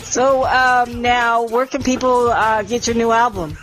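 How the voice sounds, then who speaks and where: A woman's voice: fairly high pitch, steady tone, unhurried, fairly bright tone, faint music behind, rough recording. A middle-aged woman from New York interviewing a musician in a friendly, easygoing way. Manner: friendly, laughs easily. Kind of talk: casual interview chat.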